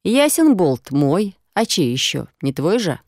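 A woman voicing a rough, cheeky male stranger who talks in coarse slang and drawls his mocking replies. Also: on the low side, big pitch swings, measured pace, darkish tone, no echo, studio quality, exaggerated voice. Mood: gruff, mocking.

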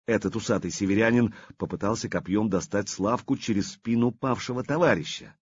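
Husky male audiobook narrator. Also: on the low side, dry recording, highs cut off.

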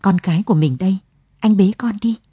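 A woman reading the part of a young mother in a radio story, bewildered and tearful, her husky voice rising higher than her narration. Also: fairly quick, warm tone, no room sound.

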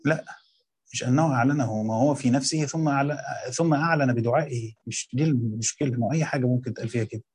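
Husky Egyptian man teaching a lesson. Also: mid-range voice, a little mellow. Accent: Egyptian Arabic. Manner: questions students, reads quotes slowly then explains colloquially. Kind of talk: Quran commentary lesson.

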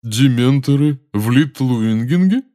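A man voicing a stern older woman judge who questions in a deep, formal way in an audiobook. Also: very animated, normal speed, darkish tone. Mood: astonished.

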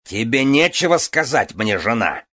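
A man's voice: mid-range voice, very animated, normal speed, fairly bright tone, voice pushed up. A man reading an audiobook, voicing a jealous, brutal warrior husband who roars accusations. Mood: accusing. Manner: roaring, accusing.

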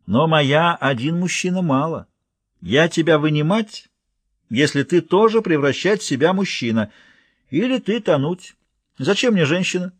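A man voicing a huge, fierce warrior queen who speaks in hoarse, broken sentences, slow and menacing. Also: expressive, no room sound. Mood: blunt, brooding. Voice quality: hoarse bass, broken grammar.

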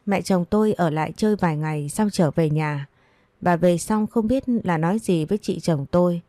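A woman's voice: lowish voice, moderate pace, dark tone, no echo. Woman narrating a defiant first-person story. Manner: cutting, defiant retorts.

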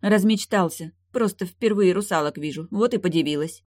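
A reader voicing a proud, sharp-tongued young widow in an audiobook, speaking curtly. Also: mid-range voice, normal speed, no echo, studio quality, voice pushed up, lightly acted. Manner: grumbling, curt.

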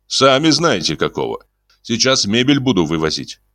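A man's voice: mid-range voice, sing-song, normal speed, sharp tone, dry recording, pitched above the performer's own voice. A man voicing a cool, stern conman who speaks in curt, commanding phrases with dry irony, in an audiobook. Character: cool, stern smooth-talking male conman. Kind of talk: audiobook character voice.

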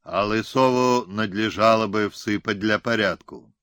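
A man's voice: on the low side, a little slow, fairly bright tone, no room sound, studio quality. A man voicing a stern, lame Cossack ataman who scolds bluntly, in an audiobook. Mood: harsh. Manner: scornful, blunt. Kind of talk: audiobook character reading.

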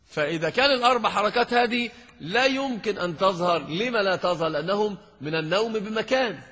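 A man teaching a grammar lesson to a class, lively and quizzing his students. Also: high voice, fast talker. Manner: lively, questions and teases students. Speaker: sheikh teaching Arabic grammar. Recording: dull lo-fi hall recording.

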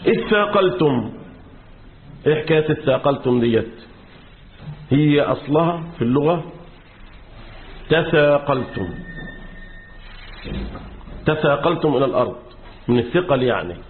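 A man's voice: medium pitch, expressive, quick pace, slight background noise. A man with an Egyptian accent, a sheikh lecturing a class on Quran commentary, quizzing his students with fill-in questions and repeating key words. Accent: Egyptian Arabic. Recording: tinny lo-fi phone-like recording.

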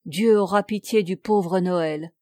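A woman's voice: fairly low pitch, slow pace, a little mellow, dry recording. Loyal storybook huntsman, earnest and worried, read by a woman narrator, close dry read. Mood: anxious. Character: loyal grown-up huntsman, anxious protector.

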